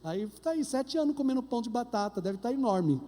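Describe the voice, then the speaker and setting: Man, Brazilian Portuguese accent, priest's sermon, high voice, long church reverb. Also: fairly quick. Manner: animated preaching with humorous anecdotes. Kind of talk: sermon at Mass. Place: large church.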